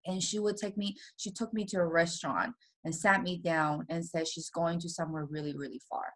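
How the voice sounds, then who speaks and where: Woman from Taiwan, interview guest, soft-spoken, slightly low voice, nervous laughter. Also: steady tone, brisk. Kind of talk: personal storytelling in an interview.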